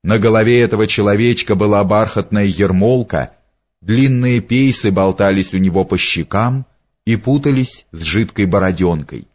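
A man narrating an audiobook in a measured, even storytelling manner. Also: on the low side. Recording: dull lo-fi recording.

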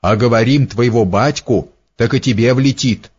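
Мужчина озвучивает грубоватого насмешливого разбойника. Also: male voice, mid-range voice, normal speed, a little mellow, breathy edge, natural voice. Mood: сердито. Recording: dull lo-fi recording.

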